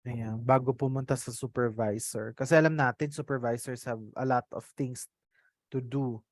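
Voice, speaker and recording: Online course trainer, Filipino accent, native Tagalog, medium pitch, Tagalog-English code-switching, interactive teaching with tag questions. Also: steady tone, moderate pace, dry recording, studio quality. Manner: mixes Tagalog and English mid-sentence; frequent tag questions checking on listeners. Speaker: trainer leading an online customer service course.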